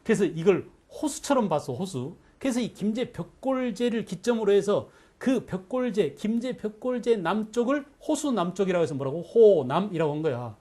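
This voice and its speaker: A man teaching an exam-prep history lecture, animated, constantly checking in with students through quick questions. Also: high voice. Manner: animated, asks the class frequent quick questions.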